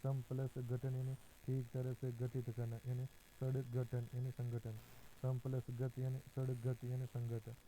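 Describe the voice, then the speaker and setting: A man teaching an exam-prep grammar lesson, working through examples slowly and methodically, often pausing on a drawn-out "a". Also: medium pitch, monotone, warm tone, slight background noise, rough recording. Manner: slow, methodical, fills pauses with drawn-out "a".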